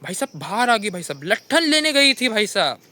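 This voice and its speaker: A young man with a Hindi accent tells comic stories of his kitchen mishaps, constantly saying "bhai sahab" in an animated monologue. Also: sits high, a little fast, no echo. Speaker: comedian telling funny stories. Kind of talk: stand-up storytelling monologue.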